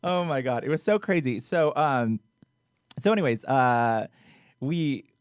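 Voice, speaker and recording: Animated, laughing male podcast host. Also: medium pitch, unhurried, clean tone, dry recording, clean studio sound. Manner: animated storyteller, laughs often. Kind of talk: casual podcast chat.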